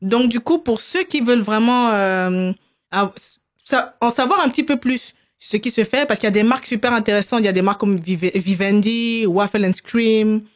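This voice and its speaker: A woman hosting a podcast in a relaxed, talkative way, full of fillers and restarts. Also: a little high, moderate pace, no room sound, clean studio sound. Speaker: podcast host. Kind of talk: casual chat.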